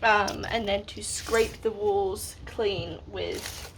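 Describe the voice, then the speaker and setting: A woman's voice: medium pitch, steady tone, very slow, noisy background. A woman chatting casually on camera while she does hands-on work converting a bus, upbeat and talkative. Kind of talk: casual vlog narration.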